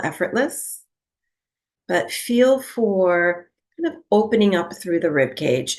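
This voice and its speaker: Guiding a breathwork relaxation, a woman speaks gently and without rush, pausing long between phrases. Her voice is fairly low and gravelly.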